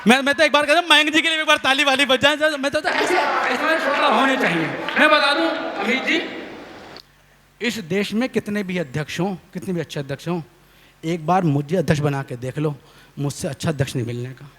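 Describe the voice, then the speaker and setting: A young man performing comic poetry on stage, telling a lively story and calling on the audience to clap. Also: high-pitched, a little fast, a little hiss or hum. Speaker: stage comedy poet. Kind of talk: live comic poetry recital. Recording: long hall reverb on a live stage.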